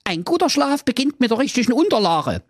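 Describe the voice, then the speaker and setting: A man's voice: big pitch swings, fairly quick, no room sound, studio quality, full character voice. A man voicing a cheeky young prince in a bedtime story, pushy like a salesman. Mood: boastful. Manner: pushy, sales-pitch talk.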